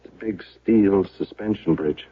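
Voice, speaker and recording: In a 1970s radio drama heard through a tinny, band-limited old recording, an actor plays a defeated, self-pitying accused man, a failed small-town bookseller. His low, husky voice halts and stammers, anxious and defensive, moving from agitated and troubled to dejected.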